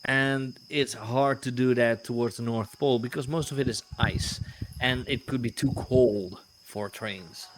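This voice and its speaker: A man's voice: medium pitch, fairly even intonation, a little hiss or hum. Man running a tabletop game. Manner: halting, searches for words. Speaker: game master.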